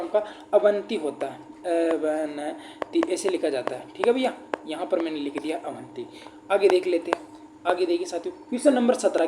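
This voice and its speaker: Guy teaching an exam prep grammar class, mellow voice, keeps asking the class questions, echoey room. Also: high-pitched. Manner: addresses listeners as friends and brother. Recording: roomy echo, faint background noise.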